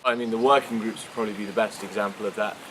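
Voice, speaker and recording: A man's voice: on the low side, fairly even intonation, racing, a bit bright, slight background noise, low-quality recording. A twenty-year-old man from England, a medical student, speaking fluently and enthusiastically in an interview. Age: 20s. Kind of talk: outdoor interview answers.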